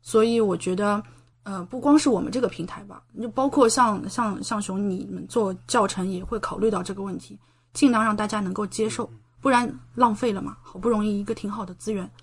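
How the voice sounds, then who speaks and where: A woman with a husky, mid-range voice speaks a little fast as a podcast guest; she is a medical doctoral student and science writer. She talks casually and chattily, explaining things with rhetorical questions and quoted exchanges.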